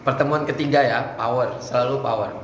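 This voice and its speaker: A man's voice: medium pitch, steady tone, fairly quick. Echoey male religious speech coach. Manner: casual, demonstrates Arabic recitation in a chanting voice. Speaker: teacher coaching students in Islamic speech contest. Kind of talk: coaching lesson with demonstrations. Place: indoor room at an Islamic boarding school. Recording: echoey room, faint background noise.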